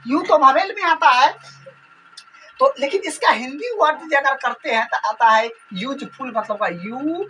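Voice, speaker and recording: Woman, grammar teacher, high bright voice, repeats each rule. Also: expressive, recorded from a distance, a little hiss or hum, poor audio. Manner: slow, repetitive explaining. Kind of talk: grammar lesson explanation.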